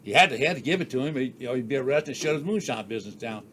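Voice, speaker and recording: A man's voice: medium pitch, animated, a bit bright, slight background noise. Older man telling folksy stories. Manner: folksy, unhurried yarn-spinning with rural Southern US speech. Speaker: storyteller. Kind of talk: casual storytelling.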